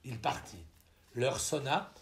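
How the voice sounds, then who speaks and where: A man narrating a novel as an audiobook reader, telling the story in an expressive, ironic manner. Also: mid-range voice, slow.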